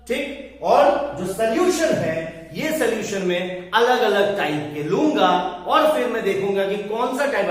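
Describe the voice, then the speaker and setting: A male teacher giving a lesson, constantly checking that his students understand and spelling out English phrases word by word. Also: very high voice. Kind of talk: classroom lecture. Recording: echoey hall from far off.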